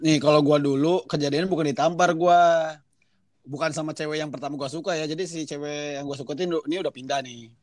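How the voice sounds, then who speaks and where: High-voiced young man, swears nonstop. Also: fairly quick, no echo. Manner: swears constantly, lively and self-mocking while telling an embarrassing childhood story. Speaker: storyteller in a casual chat. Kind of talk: casual chat.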